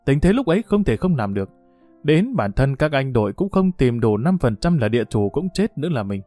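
A man's voice: medium pitch, very animated, a little fast, mellow, dry recording, faint music behind, lightly acted. A man reading the lines of a frightened young wife who pleads anxiously with her husband. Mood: pleading.

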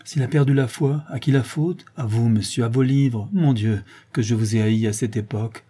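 A man's voice: medium pitch, moderate pace, dark tone, breathy edge, natural voice. A man voicing a desperate middle-aged mother who pleads and protests to defend her accused son. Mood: anguished. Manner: pleading, indignant, breaking into cries.

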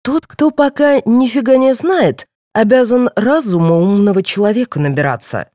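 Женщина читает за умного дерзкого подростка. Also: female voice, a little high, normal speed, no room sound, clean studio sound, voice pushed up, natural voice. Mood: smug. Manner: calm, reasoning, pert. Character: clever cheeky teenage boy.

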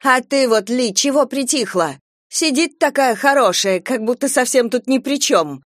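A woman reading aloud voices a touchy young woman who shouts in anger. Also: medium pitch, slow, no room sound, clean studio sound, close to an everyday voice. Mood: furious.

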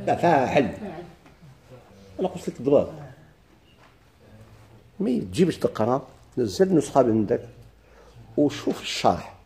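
A man with a Moroccan Arabic accent teaching a grammar lesson, quizzing students with quick questions and answers. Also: mid-range voice, mellow, a little hiss or hum. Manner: chants verse slowly.

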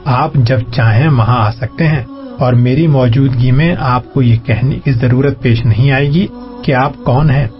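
A man's voice: mid-range voice, natural voice. A man reading a loyal villager who keeps pressing his offer, deferential and earnest, for an audiobook. The sound is muffled and lo-fi, with faint music behind. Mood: insistent. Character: loyal male villager guide, eager to please.

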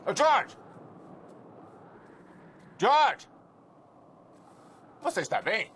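A man's voice: fairly high pitch, big pitch swings, a little fast, fairly bright tone, a little hiss or hum. A man dubbing a friendly, concerned small-town man in a film, calling out heartily. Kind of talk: dubbed film acting. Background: film score.

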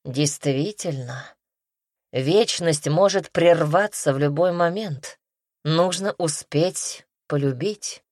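A woman's voice: low voice, takes it slowly, a little mellow, no echo, studio quality. A woman voicing a talkative, lecturing male creature companion in an audiobook.

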